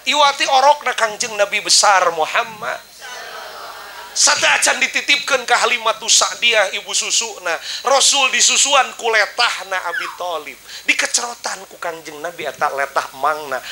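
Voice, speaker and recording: A man's voice: sits high, normal speed, creaky, sharp tone, slight background noise, rough recording. A man with a Sundanese accent preaching a humorous sermon, joking with the audience and breaking into sung praise. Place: outdoor religious gathering.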